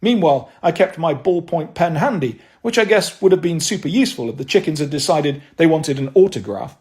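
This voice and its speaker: A man's voice: on the high side, expressive, a little fast, a little mellow. A man reading a first-person novel aloud, with a wry, dry delivery. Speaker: audiobook narrator.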